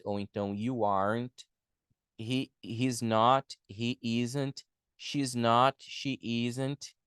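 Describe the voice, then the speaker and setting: This Brazilian man, a native Portuguese speaker, works as an English teacher and leads a beginner lesson step by step. His medium-pitched voice is fairly bright, clear and resonant, captured at studio quality with no room sound. He teaches didactically, repeating items and adding check-in tags to make sure students follow.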